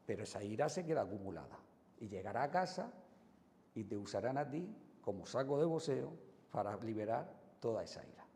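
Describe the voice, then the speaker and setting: Spanish guy from spain explaining stuff to parents, gravelly dark voice, lots of loud-soft swings. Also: fairly low pitch, a little fast, long reverb tail, a little hiss or hum. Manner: expressive, swings between loud and soft, acts out examples. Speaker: psychologist giving advice to parents. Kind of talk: educational talk to camera.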